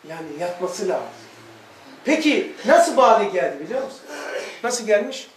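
Male religious teacher, high voice, animated storyteller, recorded from a distance in an echoey room. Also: moderate pace. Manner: animated, acts out dialogue in quotes. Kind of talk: lively storytelling lesson.

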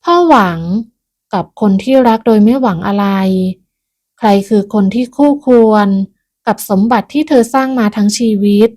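A woman narrating a moral folk tale in a measured, even storytelling manner. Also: on the high side.

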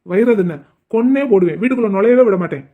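A man voicing a gruff, stubborn middle-aged village husband in a cartoon, who scolds in quick, curt retorts. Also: high voice, animated, narrow, tinny audio. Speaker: cartoon character. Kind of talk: cartoon voice acting.

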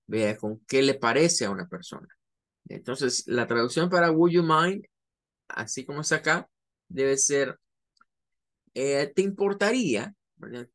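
Male English teacher, unhurried lecture delivery, repeats example phrases. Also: medium pitch, a bit bright. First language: Spanish. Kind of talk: classroom lecture.

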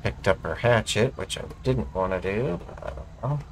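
A lower-pitched man with a lively, swinging delivery plays a cop in a game roleplay. He reels off radio calls and talks through his own moves, swearing freely. Faint game noise and sirens run under him. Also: normal speed, creaky. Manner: animated, swears, narrates his actions aloud. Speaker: police officer player. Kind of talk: in-character police radio calls and casual gaming chat.

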